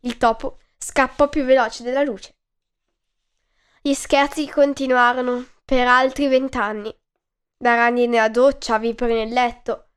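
A woman hosting a podcast, reading a children's story aloud in a slow, clear, expressive way. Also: sits high.

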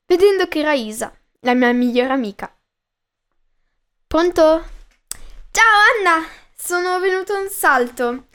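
A woman hosting a podcast and reading her own short story aloud in calm, measured first-person narration. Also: high voice.

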